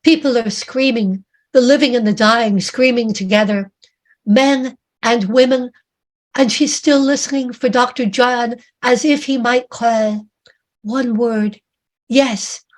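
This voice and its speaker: A woman author reading her own dramatic story aloud in a measured, vivid way. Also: fairly high pitch.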